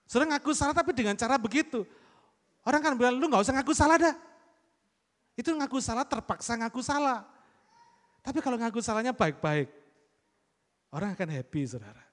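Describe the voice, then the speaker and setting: A man's voice: extremely high pitch, lively intonation, a little fast, pauses often, a bit bright. A man preaching a sermon, emphatic and direct, often turning to the congregation and acting out little quoted lines. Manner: emphatic, repeatedly addressing the congregation; acts out quoted lines in exaggerated tones. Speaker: pastor. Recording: long hall reverb.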